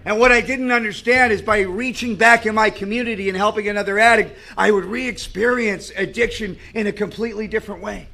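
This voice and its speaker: A man's voice: sits high, fairly even intonation, brisk, vocal fry, few pauses, bright, forceful tone. A man speaking at a recovery meeting, sharing his story in an earnest, conversational way. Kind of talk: personal recovery share with stories.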